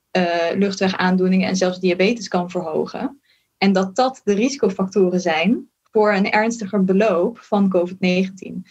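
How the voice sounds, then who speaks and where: A woman from the Netherlands talks through health research at an easy, measured pace, hedging her claims and pausing on fillers. Her mid-pitched voice sounds a little dull and lo-fi. She comes across as a careful physician in relaxed conversation. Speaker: podcast guest, physician in training. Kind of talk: casual conversation.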